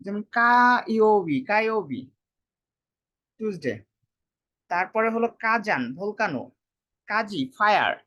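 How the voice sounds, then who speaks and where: A language teacher talks through vocabulary in a casual lesson. The delivery is unhurried, with frequent repetition of each word. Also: medium pitch, animated, a bit bright, lo-fi sound. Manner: explains slowly, repeats words, casual colloquial speech.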